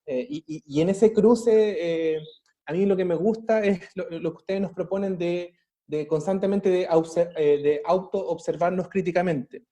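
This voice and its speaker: A man asking a long, measured interview question, with a few hesitations along the way. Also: high-pitched, warm tone.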